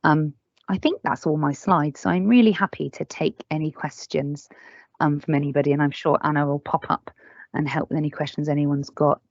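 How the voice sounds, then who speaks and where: A woman with a low, steady voice presents at an online learning event, speaking a little fast and answering questions earnestly and candidly. She is emphatic about staff and families. The webinar audio comes over a video call and sounds dull, dry, and lo-fi.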